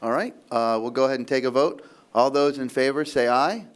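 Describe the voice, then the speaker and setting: A man's voice: medium pitch, fairly quick, clean tone. A man chairing a public committee meeting in an easygoing, lightly joking way.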